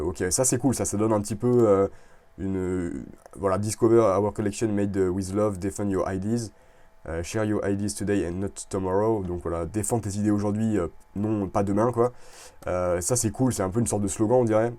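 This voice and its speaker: A man talks through a casual screen-recorded review in a low, mellow voice. He is chatty and relaxed, full of fillers and restarts. He speaks close to a desktop mic. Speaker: video creator reviewing clothing brands.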